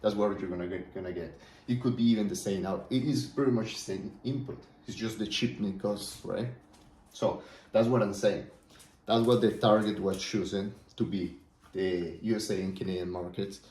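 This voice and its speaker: A Colombian man, a native Spanish speaker with a Colombian accent, vlogs as a small business owner, rambling casually about his business plans and constantly asking "right?" His voice sits lowish and a touch mellow, with fairly even intonation and a moderate pace. The recording has a roomy echo.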